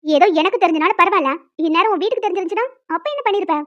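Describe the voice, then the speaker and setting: A woman's voice: very high voice, racing, fairly bright tone, dull audio. A woman voicing a stern scolding professor. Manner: scolding, lecturing. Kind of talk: dubbed animated story.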